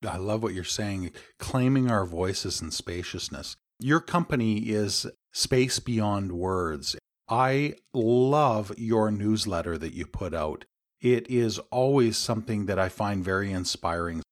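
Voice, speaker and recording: A man's voice: lowish voice, expressive, takes it slowly. A man hosting a podcast interview, complimentary and encouraging toward his guest. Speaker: podcast host.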